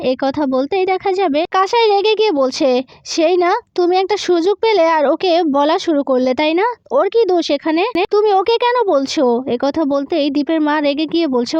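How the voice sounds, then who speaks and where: A woman's voice: extremely high pitch, a little mellow, dry recording. A woman narrating a TV serial's plot as a scripted story, recounting each character's lines in turn. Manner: recounts each line with "then he says" links. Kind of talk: scripted story retelling with quoted dialogue. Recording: dull lo-fi dry voice-over.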